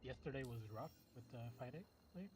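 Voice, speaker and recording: A man's voice: medium pitch, fairly quick, a little hiss or hum. A man chatting casually with friends while playing a game online, talking freely, laughing and restarting his sentences. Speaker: gaming stream co-player. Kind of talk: casual gaming chat.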